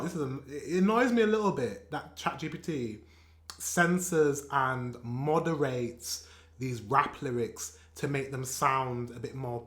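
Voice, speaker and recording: A man from England with a British accent, reacting to a song in a casual, excitable way and swearing and laughing often. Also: a little high, echoey room. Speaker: reaction video host. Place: room at home with a shelf behind him.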